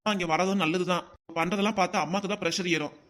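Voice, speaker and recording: A man's voice: high-pitched, fairly even intonation, fast talker, fairly bright tone. A man voicing a stern older village father-in-law in a cartoon, scolding and lecturing his family.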